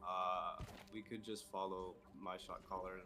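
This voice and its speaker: Man, lowish voice, organizes the raid, noisy chat line. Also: flat delivery, measured pace. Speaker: guildmate on voice chat. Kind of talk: casual gaming chat.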